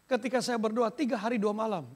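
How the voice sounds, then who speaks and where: A man's voice: high voice, fast. A man preaching a sermon as pastor, emphatic and dropping English phrases into his talk. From Indonesia. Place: church sanctuary.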